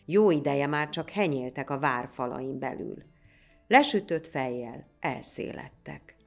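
A woman reads a folk tale aloud with lively, dramatic delivery. Her voice sits low. Soft music plays faintly under her. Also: vocal fry. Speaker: storyteller. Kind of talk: storybook narration.

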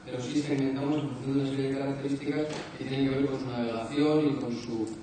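A man's voice: medium pitch, fairly even intonation, quick pace, mellow, slight background noise. A man in his forties with an accent from Spain argues as an expert on a panel, in long, carefully qualified sentences. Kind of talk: unscripted panel discussion. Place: conference stage, large indoor hall. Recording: very echoey hall, distant mic, crowd.

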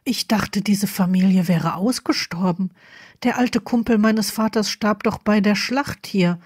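A woman voicing a sharp-witted young male wizard who speaks in a dry, skeptical way. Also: medium pitch, a little slow, husky, dry recording.

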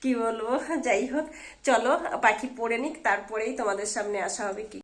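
Hoarse woman chatting in a home vlog. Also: fairly high pitch, steady tone, fairly quick. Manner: chatty, keeps checking in with viewers. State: hoarse with a fever. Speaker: home vlogger and mother. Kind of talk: casual home cooking vlog. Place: at home indoors.

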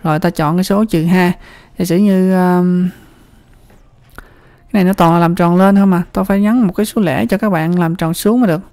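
This instructor speaks with a Southern Vietnamese accent and a gravelly, slightly rough voice. The delivery is a loose, chatty walk-through of a spreadsheet lesson, with repeated words and frequent check-ins with the viewer. The sound is dry, with no room echo. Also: medium pitch, steady tone, brisk, mellow. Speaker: computer skills instructor. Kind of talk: screen-recorded spreadsheet tutorial.

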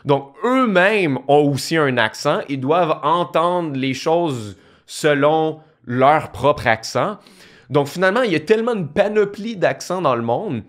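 A young online course creator from Quebec, with a Québécois French accent, explains things in a casual talking-head video shot in a small home studio, with a studio mic on a boom arm beside him. He's lively, gestures a lot and thinks aloud, restarting phrases. His voice is a little high and a little slow.

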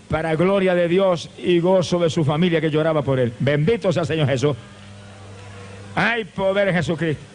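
A male evangelist from Puerto Rico preaches a fervent revival sermon in a high voice, with impassioned repeated cadences and bursts of shouted praise.

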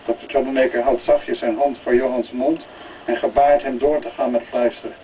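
A man reading a crime novel aloud in a plain, steady storytelling way, on a tinny, distant recording. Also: mid-range voice, moderate pace. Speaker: reader. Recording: tinny phone-like, distant, faint hiss.

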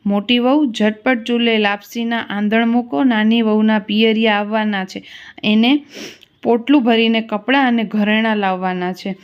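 A woman's voice: on the high side, fairly even intonation, normal speed, clear, resonant tone, lo-fi sound, close to an everyday voice. A woman reading the part of a harsh older mother-in-law in a devotional story, scolding and giving orders. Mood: scornful. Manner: scolding, commanding.

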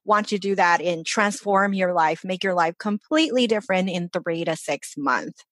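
A woman's voice: fairly low pitch, normal speed, fairly bright tone, dry recording. Upbeat woman life coach, dry sound. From born in China, grew up in Los Angeles. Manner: upbeat, earnest, motivational. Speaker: life coach, podcast guest. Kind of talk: casual interview chat.

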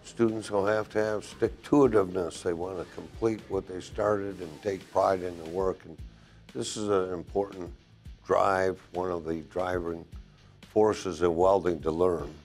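A man in his sixties, a welding instructor, answering interview questions in a classroom with measured, deliberate phrasing and a lapel mic. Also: low voice, fairly even intonation, a little mellow, soft background music. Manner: measured, deliberate, listing points with pauses. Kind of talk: interview answers to a program video. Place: classroom, indoors.

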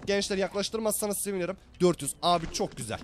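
A young man commentating his gameplay for viewers, animated and chatty, his voice hoarse from being sick. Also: high voice, fast talker, slight background noise. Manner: animated, talks to viewers as brothers. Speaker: gaming YouTuber.

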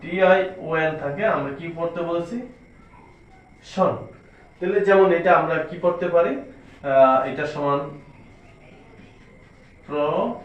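Male teacher, slightly high voice, patient spell-it-out delivery, recorded far off in an echoey room. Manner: spells out letters slowly, asks and answers his own questions. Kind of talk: step-by-step spelling lesson. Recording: echoey room, distant dull mic.

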